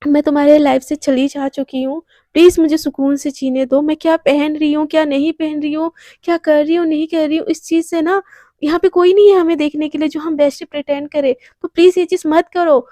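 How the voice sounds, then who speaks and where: A woman's voice: high voice, level tone, brisk, warm tone, no room sound, clean studio sound, natural voice. A woman voicing a young woman who answers coldly and firmly. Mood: defiant. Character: young woman, cold and defiant.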